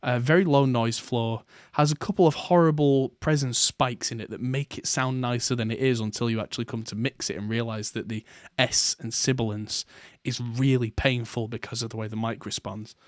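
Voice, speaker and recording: A man's voice: mid-range voice, steady tone, moderate pace, hardly any pauses, dry recording, clean studio sound. A man hosting a podcast, talking casually in a rambling way with plenty of fillers and restarts. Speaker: podcast host. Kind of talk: casual chat.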